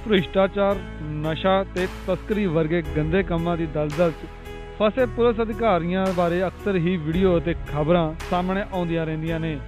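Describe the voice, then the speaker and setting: A male reporter reading a scripted news story in an earnest, measured way. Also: high-pitched, steady tone, music in the background.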